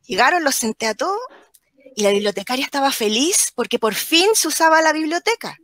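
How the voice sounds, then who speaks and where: A woman with a Chilean accent, a teacher telling a lively anecdote as a guest on a video call. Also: high voice, fairly quick, dry recording. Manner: animated, acts out the children's voices. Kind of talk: storytelling anecdote in live chat.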